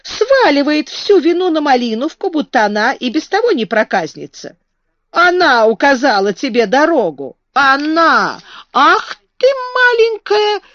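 A woman's voice: on the high side, normal speed, no room sound, highs cut off, pitched above the performer's own voice, natural voice. A woman voicing a hot-tempered old male gardener who scolds and blusters. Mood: angry scolding.

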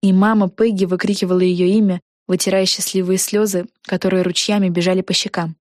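A woman narrating a children's book in an even storytelling manner. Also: lowish voice, brisk, dry recording, clean studio sound. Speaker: audiobook narrator.

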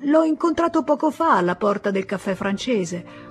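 A woman voicing a jovial middle-aged country doctor and husband, chatty and loud when he calls out. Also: mid-range voice, lively intonation, normal speed, faint music behind, natural voice. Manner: chatty, calling out loudly.

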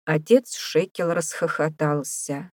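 A woman narrating an audiobook in a measured, even reading. Her voice is low and unhurried, with a dark, mellow tone recorded close and dry. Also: no room sound. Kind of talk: scripted narration.

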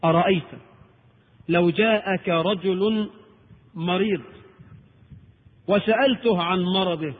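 A man preaching a lecture in Egyptian Arabic, animated and rhetorical, asking and answering his own questions. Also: sits high, slow pace, pauses often. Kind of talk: recorded Islamic lecture. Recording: tinny old tape in a reverberant hall.

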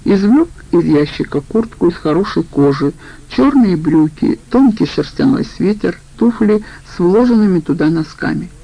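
Woman reading a crime audiobook, low gravelly voice, dark tone. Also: lively intonation, moderate pace, poor audio. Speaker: audiobook reader. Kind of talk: scripted narration.

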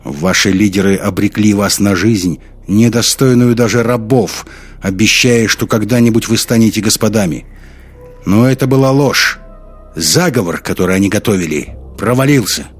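A man with a husky voice reading an audiobook, voicing a wounded billionaire who speaks in loud, slow, persuasive oratory. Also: on the low side, faint music behind, pitched above the performer's own voice. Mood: accusing, commanding.

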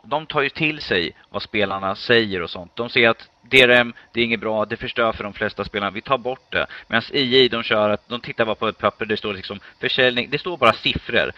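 Male co-host, bright voice on a dull lo-fi mic, stuttery starts. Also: mid-range voice. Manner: stuttering starts, mocking quotes. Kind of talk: casual chat.

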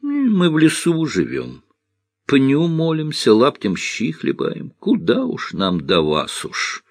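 A playful young village woman who mocks and teases, lively and quick to laugh, as a man reading the book takes her part. The voice is husky but raised above the reader's low register and swings widely. The recording is close and dry. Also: dry recording, exaggerated voice. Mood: teasing. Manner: mocking, playful. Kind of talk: audiobook character voice.

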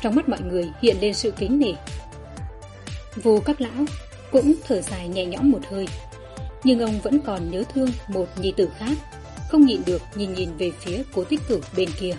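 A woman narrating a historical fantasy audiobook in a steady, even storytelling manner. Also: mid-range voice.

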